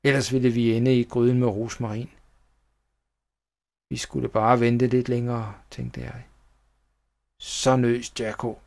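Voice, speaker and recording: A man narrating a children's horror tale, reading at a steady, even storytelling pace. His delivery is plain, with no showy effects. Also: mid-range voice, gravelly, pauses often.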